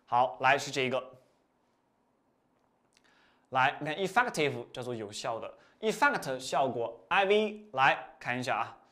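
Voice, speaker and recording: A man teaching vocabulary in a recorded lesson, explaining word roots with lively repetition, often rising for emphasis and letting phrase endings trail off. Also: mid-range voice, normal speed.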